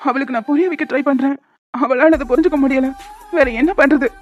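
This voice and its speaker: A woman's voice: high-pitched, steady tone, fairly quick, darkish tone, lightly acted. Woman voicing a grieving young father. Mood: sorrowful. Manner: heavy, resigned and sorrowful. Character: grieving young father, devoted to his daughter. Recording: dry, slightly dull lo-fi audio, faint music.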